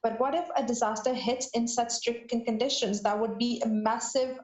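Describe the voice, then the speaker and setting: A woman on a podcast panel answering a question off the cuff, pausing, restarting and searching for words. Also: a little high, steady tone, a little mellow. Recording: roomy, dull lo-fi sound.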